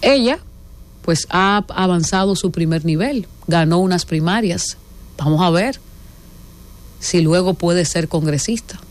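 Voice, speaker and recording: A woman from the Dominican Republic with a Dominican accent, giving an emphatic, indignant opinion monologue as a political commentator, stressing her points with deliberate force. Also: fairly low pitch. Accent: Dominican Spanish.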